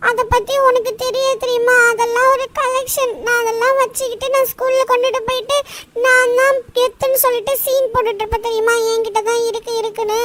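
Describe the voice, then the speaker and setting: A performer voicing a whiny, greedy little boy in a fan-made game dub, a cartoonish squeaky child voice that often cries. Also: steady tone, a little fast, recorded from a distance. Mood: tearful. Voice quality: whiny, weepy. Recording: noisy background.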